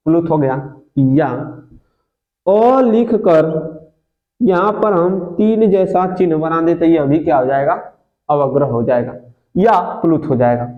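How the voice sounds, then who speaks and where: Speaking at a measured pace in a slightly high voice, a man gives a grammar lesson to exam students, posing questions and answering them himself while drawing out vowels to demonstrate them. The audio is dull and lo-fi, captured in an echoey room.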